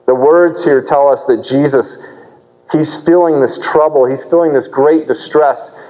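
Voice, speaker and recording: A man delivers an earnest sermon from the pulpit, unpacking a passage and asking his listeners questions. His voice is dark and mellow. It rings with the long reverb of a big church hall. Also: a little high, a little slow. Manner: earnest, explanatory preaching with rhetorical questions. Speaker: pastor.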